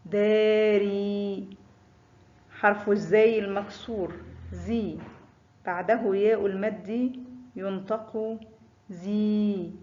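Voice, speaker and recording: Slow, deliberate Arabic phonics teacher. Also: mid-range voice, darkish tone, reverberant, muffled recording. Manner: drawn-out example words after brisk letter rules. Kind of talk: slow recited phonics lesson.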